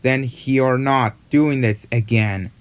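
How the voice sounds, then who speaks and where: A man narrating a cartoon in a rambling, halting, repetitive way. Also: mid-range voice, fairly even intonation, clear, resonant tone. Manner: halting, repetitive, run-on retelling. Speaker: fan narrator retelling a cartoon.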